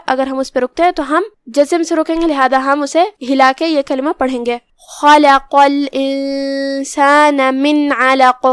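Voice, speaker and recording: A woman teaching Quran recitation rules, explaining calmly and reciting verses slowly and carefully. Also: sits high, dry recording, studio quality. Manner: slow, careful recitation between plain explanations. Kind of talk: tajweed lesson.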